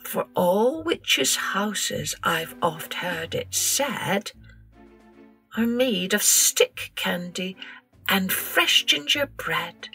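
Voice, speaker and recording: Telling stories and reciting poems on a children's podcast, an older woman from Scotland uses a mid-range voice against soft music. Her style is expressive and theatrical, deliberate and drawn out, with some passages spoken in a hush.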